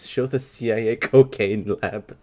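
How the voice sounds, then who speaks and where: A man's voice: fairly low pitch, fairly even intonation, a little slow, background noise. A man in his twenties from New York, wryly rambling as he reads and answers chat on a live stream. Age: 20s. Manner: wry, rambling, reads chat aloud and reacts.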